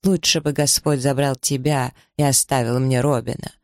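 A man playing a harsh, pious older mother who speaks with slow, cutting scorn, in an audiobook. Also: medium pitch, little pitch movement, dry recording, clean studio sound, natural voice. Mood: furious.

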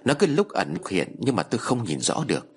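A man voicing a tired, curt older male spirit medium who speaks slowly. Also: mid-range voice, huge pitch swings, creaky, breathy edge, heavily acted. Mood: weary. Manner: slow, tired, dismissive.

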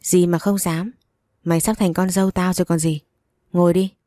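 Brief: woman doing stern older matriarch, low mellow voice. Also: steady tone, normal speed, no room sound, lightly acted. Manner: blunt, commanding, sighing. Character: stern older wealthy matriarch, gruff and weary.

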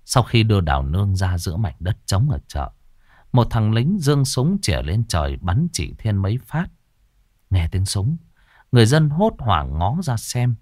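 A man narrating a ghost story in a dramatic, expressive way. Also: on the low side, no room sound, studio quality.

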